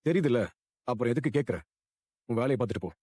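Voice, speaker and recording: A man's voice: medium pitch, quick pace, mellow, no room sound, close to an everyday voice. A man playing an angry young husband with a curt, cold and dismissive manner in a dubbed drama. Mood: contemptuous. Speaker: husband refusing a woman's advances.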